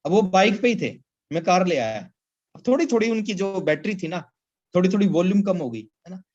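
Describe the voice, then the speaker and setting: A man's voice: sits high, expressive, moderate pace, a little mellow. A man giving a motivational business talk in a webinar, emphatic and repetitive, often addressing listeners as sir. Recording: slightly dull lo-fi audio.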